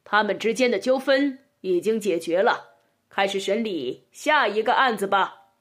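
Woman as stern lion king; level, firm, breathy storybook ruler. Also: mid-range voice, expressive, moderate pace, lightly acted. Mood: impassive.

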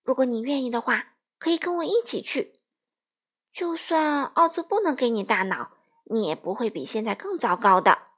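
A woman's voice: on the high side, big pitch swings, normal speed, a bit bright, breathy edge, exaggerated voice. A woman voicing a polite, curious young girl in a children's storybook reading. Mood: earnest.

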